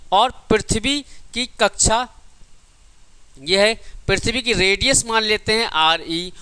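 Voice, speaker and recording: A man with a high, pushed, bright voice teaches an exam coaching lecture in physics, working through derivations, repeating key points and answering his own questions. He affectionately calls his students "child." The recording is clean, with no room sound.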